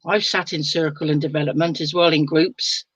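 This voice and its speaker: Sleepy and occasionally yawning, an older woman from England runs a relaxed live stream from her home, talking with viewers, reading their comments aloud and laughing often. She sits low in pitch with a steady, slightly rough tone, speaks at a normal pace, and there's no echo.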